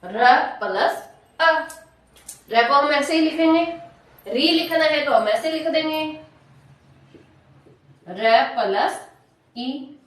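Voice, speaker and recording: Female Hindi teacher, high voice, questions the class then answers herself; far from the mic in an echoey room. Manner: drawn-out syllables, repeats points. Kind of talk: classroom grammar lesson.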